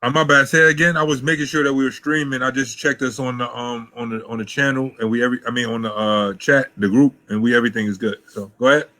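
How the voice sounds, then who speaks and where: A man hosting an online call, chatting casually in loose, relaxed restarts. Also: mid-range voice, fast talker, few pauses. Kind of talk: casual chat. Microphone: video call.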